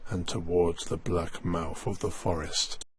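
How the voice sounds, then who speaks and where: Low, flat, solemn male narrator. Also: husky, no echo. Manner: solemn, measured. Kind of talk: scripted dramatic narration.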